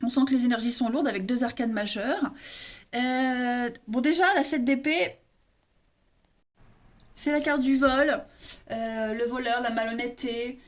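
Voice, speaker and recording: A woman reads tarot cards for her viewers in a loose, chatty way. Her voice sits high, and she keeps stumbling into fillers and restarting her sentences. She talks to the audience as her friends. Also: fairly even intonation, measured pace, long pauses. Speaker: tarot reader. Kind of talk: casual tarot reading for viewers.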